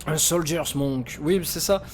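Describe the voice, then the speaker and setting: A man with a slightly high voice chats loosely as he plays a game live. His talk wanders, stuffed with hesitations and yelps of pain, while the game's soundtrack plays clearly underneath him. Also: a little slow. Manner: rambling and casual, with many fillers and pained exclamations. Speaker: streamer. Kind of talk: live gameplay commentary. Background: game music.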